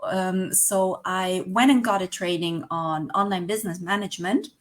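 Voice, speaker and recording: Speaking at a moderate pace in a fairly low voice, this guest, a Spanish online business manager in her forties, chats casually in English with a Spanish accent. She often gropes for words, hesitating and filling gaps with fillers.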